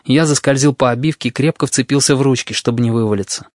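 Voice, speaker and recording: A man's voice: medium pitch, fast talker, darkish tone, no echo. Man reading a novel aloud, dry close sound. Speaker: audiobook narrator. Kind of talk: literary first-person narration.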